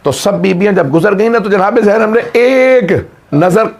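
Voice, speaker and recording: Man preaching a mourning sermon, fairly high voice, impassioned storytelling, talks to the crowd as brother. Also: moderate pace, a little mellow. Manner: impassioned storytelling, often addresses listeners as brother. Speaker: preacher reciting a mourning narrative. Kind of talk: emotional sermon narration.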